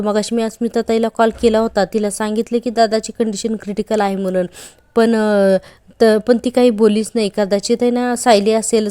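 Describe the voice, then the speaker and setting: Woman, chatty serial recap, mellow tone, dry sound. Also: medium pitch, dry recording. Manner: chatty, addresses viewers directly, frequent filler particles. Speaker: serial review host. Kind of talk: casual episode recap.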